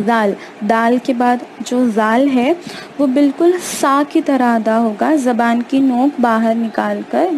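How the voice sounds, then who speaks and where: Woman, fairly high voice, patient teacher, slow measured delivery, faint background hiss. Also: creaky, a little mellow, poor audio. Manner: patient, step-by-step explanation with repetitions. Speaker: Arabic pronunciation teacher. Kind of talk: recited prayer and slow letter drill; explanatory lesson.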